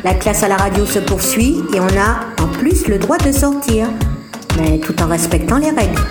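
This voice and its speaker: A woman's voice: mid-range voice, animated, normal speed. A woman radio presenter giving a scripted, sing-song welcome to parents and children. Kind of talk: scripted programme introduction for children. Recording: echoey voice over loud music.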